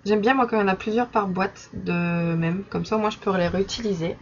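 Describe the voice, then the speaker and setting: A woman's voice: mid-range voice, steady tone, a little fast, breathy edge. Chatty young woman showing stickers. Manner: chatty, many fillers, soft laughs. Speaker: vlogger. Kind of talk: casual haul vlog. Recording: slightly dull recording with faint background noise.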